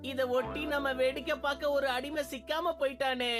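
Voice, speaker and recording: A woman voicing a loud, pushy bully schoolboy with an in a dubbed cartoon. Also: high voice, steady tone, moderate pace, lightly acted. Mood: smug. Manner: brash, bossy, smug. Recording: cartoon music underneath.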